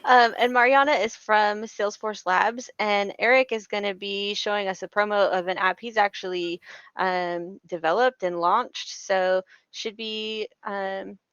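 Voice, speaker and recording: A chatty woman hosts an online meetup with a gravelly edge to her voice, laughing easily between remarks. The call audio is dry and somewhat dull. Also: medium pitch, fairly even intonation, unhurried, fairly bright tone, no echo. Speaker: user group co-host. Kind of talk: casual meetup hosting. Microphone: home microphone on a video call.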